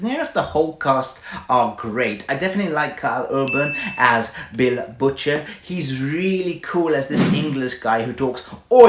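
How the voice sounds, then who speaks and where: A man's voice: a little high, fairly bright tone. A man chats through a casual review with enthusiasm, rambling a little as he goes. His voice sits in a roomy, echoing space. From Malta. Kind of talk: casual straight-talking review.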